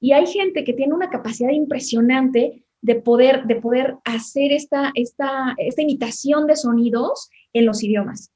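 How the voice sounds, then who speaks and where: A woman chatting casually, hesitant, filling pauses with "eh" and restarting her sentences. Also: sits high, warm tone. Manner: hesitant, many "eh" fillers and restarts. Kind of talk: casual chat.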